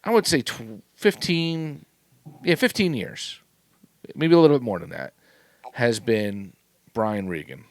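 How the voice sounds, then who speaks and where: A man's voice: mid-range voice, lively intonation, a little slow, long pauses, dry recording. A man co-hosting a podcast in casual chat, rambling with frequent restarts and laughs. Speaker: podcast co-host.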